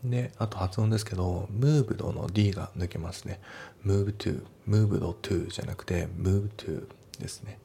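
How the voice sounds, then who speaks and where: Man, very low gravelly voice, mellow tone, relaxed explanatory teaching, faint hiss behind. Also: a little fast, hardly any pauses. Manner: relaxed, explanatory, many fillers. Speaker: English teacher. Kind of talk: casual lesson walkthrough.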